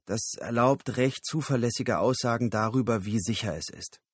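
An earnest, awkward researcher speaks in terse, factual sentences, as a male reader voices him. His voice sits at an average male pitch and sounds dry and close to the mic. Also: moderate pace, husky, dry recording, lightly acted.

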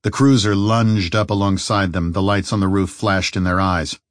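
Low-voiced male audiobook narrator. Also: fairly even intonation, normal speed, dry recording, studio quality. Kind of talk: scripted narration.

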